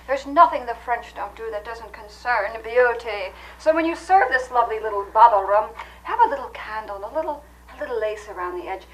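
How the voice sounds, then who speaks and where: A woman hosting a comedy cooking segment, explaining absurd claims in an earnest, deadpan way. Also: on the high side, brisk, a little hiss or hum, poor audio. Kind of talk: deadpan mock cooking demonstration.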